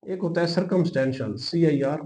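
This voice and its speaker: A fairly quick, slightly mellow man with a higher voice and a Pakistani accent runs an informal law exam-prep lesson, explaining points and dictating notes. He repeats important terms and drops English legal words into Urdu. There's a little hiss or hum on the audio.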